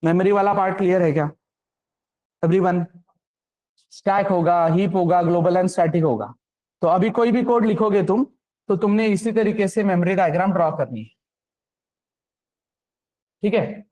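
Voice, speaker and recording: A man's voice: high voice, a little mellow. A man giving a programming lecture, often stopping to ask if the class understands. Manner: keeps checking understanding with quick questions. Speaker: programming instructor.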